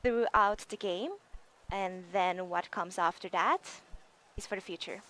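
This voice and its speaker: A woman's voice: mid-range voice, a little slow, a bit bright. A woman game developer chatting on a live stream in an upbeat, enthusiastic way.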